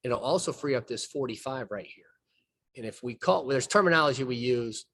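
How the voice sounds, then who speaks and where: A man coaching basketball, talking through game footage in a plain mid-range voice. He explains each play patiently and folksily, often pausing and restarting his sentences. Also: mid-range voice, lively intonation, fairly bright tone. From southern United States. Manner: folksy, explains plays step by step, trails off and restarts. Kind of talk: film breakdown conversation.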